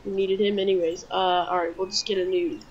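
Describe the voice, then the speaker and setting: A woman's voice: mid-range voice, level tone, brisk, dull audio, heavy background noise. A woman giving let's play commentary, jumpy and yelping when startled. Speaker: gamer.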